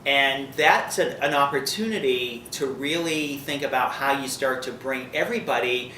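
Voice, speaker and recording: A consultant speaks enthusiastically in a bright, forceful voice. He sounds far from the mic in an echoey room, with faint noise behind him. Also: medium pitch, moderate pace. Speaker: workplace consultant. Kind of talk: interview talk for a corporate video.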